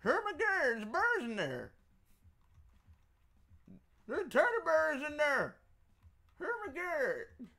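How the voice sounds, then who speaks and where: A man voicing an excited little child who gasps and squeals with wonder at toys, calling out to daddy. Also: very high voice, takes it slowly, long pauses, pitched above the performer's own voice, exaggerated voice. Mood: amazed, excited.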